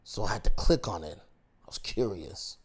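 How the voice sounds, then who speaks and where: This man's voice sits low and is expressive, moving at a normal speed. He delivers a reflective, casual YouTube commentary, asking the viewer rhetorical questions and circling back over what he's said, with loose restarts and repetition.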